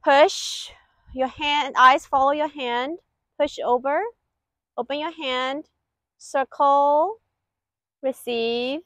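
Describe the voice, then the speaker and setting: A woman with a high voice leads an exercise class as its instructor. She gives one short, clipped direction at a time at a slow pace. The sound is close and dry. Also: steady tone, fairly bright tone, dry recording. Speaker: qigong instructor. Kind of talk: exercise instruction, step-by-step cues. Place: outdoor lakeside paved terrace.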